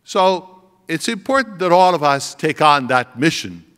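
A man's voice: fairly high pitch, animated, a bit bright, smooth. Older man preaching informally in an echoing hall. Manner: halting, reflective, conversational. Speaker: priest giving homily. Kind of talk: informal homily. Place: stage of a school auditorium. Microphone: podium gooseneck microphone. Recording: long reverb of a large hall.

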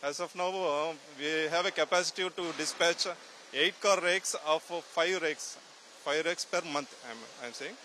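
Bright-voiced factory official, halting answers. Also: male voice, fairly high pitch, steady tone, a little hiss or hum. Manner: halting, with many fillers and restarts. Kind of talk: interview answers. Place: indoors at a factory. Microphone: handheld mic held to him.

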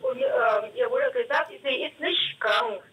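A woman's voice: a little high, measured pace, far from the mic, slight background noise. A woman acting as an interpreter over a phone call on speakerphone, giving brief, matter-of-fact replies. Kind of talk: relaying answers during an official call. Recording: dull speakerphone sound heard from across the room.

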